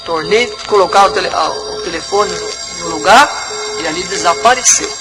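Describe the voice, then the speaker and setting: Pastor with high voice. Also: male voice, normal speed, rough recording. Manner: repetitive, dramatic retelling. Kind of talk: religious testimony. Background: music.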